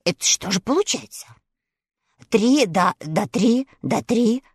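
A woman voicing a slow, simple-minded and sheepish straw man who talks hesitantly, low and soft. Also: expressive, breathy edge, dry recording, studio quality. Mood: puzzled.

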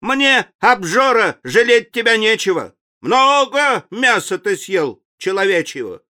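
A man voicing a brave boy hero in a storybook reading, declaiming loudly and defiantly. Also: sits high, sing-song, unhurried, voice pushed up, full character voice. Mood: scolding.

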